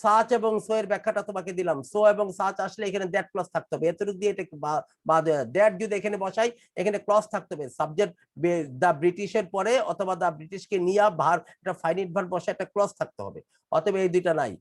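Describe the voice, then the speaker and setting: A man from Bangladesh, an English teacher, giving a live online class lecture. He explains step by step, repeats key phrases, and reads English test sentences slowly, word by word. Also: high voice.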